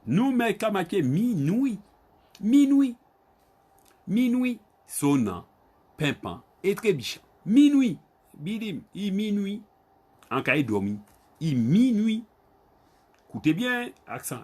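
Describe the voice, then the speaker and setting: A man with a Guadeloupean Creole accent leads an online Creole lesson. His voice sits a little high, and he says each word over and over, slowly, then spells it out. He keeps calling on his students by name. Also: sing-song, breathy edge. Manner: repeats words slowly, spells them out and calls on students by name. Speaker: Creole language teacher.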